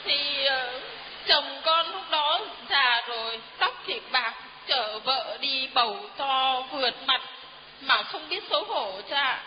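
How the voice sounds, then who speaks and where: A woman's voice: sits high, lively intonation, slow, slight background noise. A middle-aged woman giving an earnest, deferential testimony to a priest in a church hall. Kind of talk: heartfelt spoken testimony. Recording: dull reverberant hall recording.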